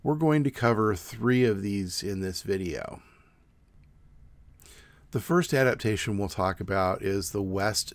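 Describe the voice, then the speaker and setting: Low-voiced middle-aged man explaining. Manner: measured, plain explanatory delivery. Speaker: student presenter. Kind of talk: informative presentation. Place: outdoors in front of a brick building.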